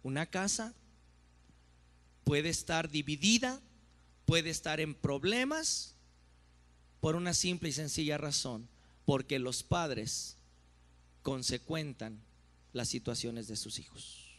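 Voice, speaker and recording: A man pastor delivering a sermon in an emphatic, drawn-out preaching manner. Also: a little high, lively intonation, a bit bright. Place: church.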